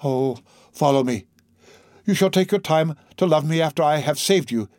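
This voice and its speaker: This audiobook performer voices a tormented priest begging for his obsessive love with theatrical passion. He pitches slightly higher than his natural voice while staying near an everyday tone, sounding expressive and a little mellow at a moderate pace, in studio quality without room sound.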